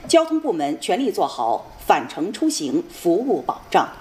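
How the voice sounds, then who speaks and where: Formal female news anchor, lively intonation. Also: lowish voice, normal speed, slight background noise. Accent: standard mainland Chinese Mandarin. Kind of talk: formal scripted news reading.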